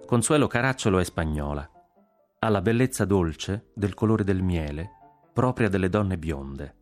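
A man narrating a literary story in a measured, expressive reading. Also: low voice, over music.

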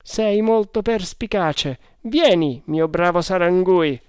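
Narrator playing a booming high-pitched sergeant. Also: male voice, takes it slowly, a little mellow, clean tone, dry recording, studio quality. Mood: commanding. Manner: hearty, calling out. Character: loud high-voiced male sergeant, jovial and bossy.

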